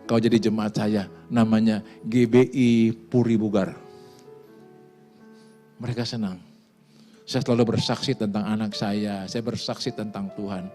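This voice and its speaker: A middle-aged male pastor giving a lively sermon, telling stories and swinging between quiet asides and loud exclamations. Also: on the low side, a little slow, long pauses, faint music behind. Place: church.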